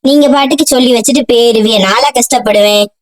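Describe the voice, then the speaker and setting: Woman playing a lazy young male chilli, cartoon, complaining fast. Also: fairly high pitch, natural voice. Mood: whining.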